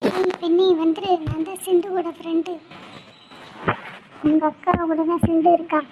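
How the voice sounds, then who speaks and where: A woman's voice: extremely high pitch, little pitch movement, normal speed. A woman voicing a sly man who coaxes a girl to trust him in a magic fort story, in a noisy recording. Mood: coaxing. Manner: coaxing, insistent. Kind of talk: storybook voice acting.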